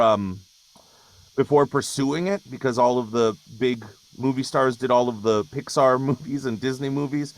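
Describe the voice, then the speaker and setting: A man's voice: mid-range voice, gravelly. A man in his thirties from Hawaii, a voice actor chatting casually on a video call, rambling with fillers and restarts. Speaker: voice actor guest. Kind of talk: casual webinar talk.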